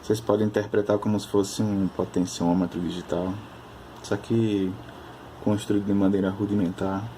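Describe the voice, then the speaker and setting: Guy at his bench, lowish voice, rambling about circuits, stops and restarts a lot. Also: level tone, dark tone, a little hiss or hum. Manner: thinking aloud, halting technical explanation. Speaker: electronics hobbyist. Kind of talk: casual workbench chat.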